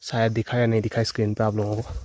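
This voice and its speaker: A village vlogger from the Himalayan hills of northern India walks through a forest, chatting casually and talking straight to his viewers. His voice sits on the low side, darkish and level, at a quick pace. Insects and rural outdoor sounds fill the background.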